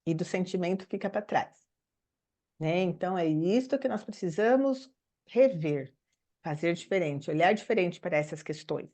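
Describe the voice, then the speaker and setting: A woman's voice: fairly low pitch, animated, moderate pace, warm tone. A woman with a Brazilian Portuguese accent, a teacher and mentor, giving an informal talk and asking her listeners many rhetorical questions. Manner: laughs as she speaks. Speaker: teacher and systemic pedagogy mentor.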